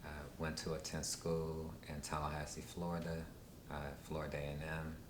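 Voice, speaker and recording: A man in his thirties with an extremely low, flat voice answers interview questions in an unhurried, halting way, full of ums and uhs. He is recorded in a roomy space with a steady low rumble behind him. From Washington, D.C. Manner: unhurried, halting, many fillers.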